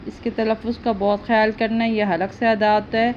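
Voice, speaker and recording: Female Quran teacher with a Pakistani Urdu accent. She drills syllables slowly, gives quicker explanations, and is heard on dull audio with faint hiss. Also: a little high, level tone. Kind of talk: recitation lesson.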